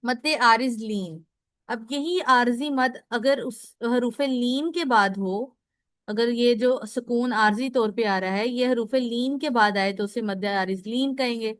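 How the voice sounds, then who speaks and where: A woman's voice: on the high side, unhurried, no echo, studio quality. A woman teaching a recorded lesson on Quran recitation. She explains step by step, asks questions and answers them herself, and often checks in with listeners. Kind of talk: recorded lecture.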